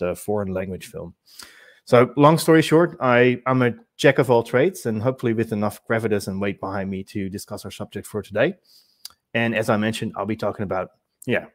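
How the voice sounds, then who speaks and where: A man's voice: on the low side, no echo, studio quality. A man in his forties, originally from the Netherlands, giving a webinar presentation in a conversational way with fillers and self-corrections, on a video call mic. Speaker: webinar speaker. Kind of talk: presentation talk.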